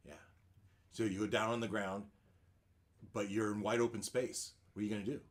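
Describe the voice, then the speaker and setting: A man working as game master, narrating a tabletop game in a halting, conversational way. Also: fairly low pitch, flat delivery.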